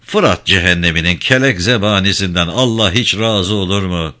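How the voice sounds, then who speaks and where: A man voicing a gruff, cynical river ferryman in his forties who talks bluntly in a storybook reading. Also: sits low, moderate pace, bright, forceful tone. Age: 40s.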